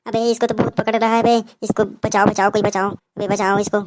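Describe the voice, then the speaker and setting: Lady doing scared cartoon kids yelling and bickering, medium pitch, cartoon dub. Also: level tone, a little fast, lightly acted. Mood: panicky. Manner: panicky, squabbling. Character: jittery cartoon kids on a night camp. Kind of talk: cartoon dubbing.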